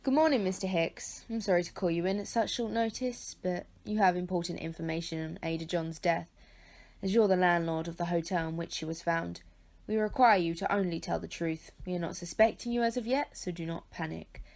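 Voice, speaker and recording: A woman's voice: lowish voice, a little fast, darkish tone, natural voice. A woman playing a police officer who questions a witness in a formal, businesslike way in an amateur radio play. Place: home, recorded alone.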